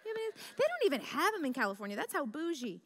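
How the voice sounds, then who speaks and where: A woman's voice: high-pitched, very fast. A woman from the Midwest preaching a humorous sermon, telling stories and acting out the voices in them. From American Midwest. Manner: animated, comedic, acts out quoted voices. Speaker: guest preacher. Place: church hall. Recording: reverberant church hall.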